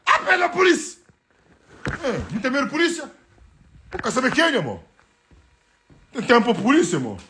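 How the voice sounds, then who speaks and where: Man, high voice, swings up and down a lot, boastful, mixes in French, casual live stream. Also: wildly swooping pitch, fairly quick, long pauses, a bit bright, slight background noise. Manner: boastful, switches between Portuguese and French. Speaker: livestreamer. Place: at home. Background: faint music.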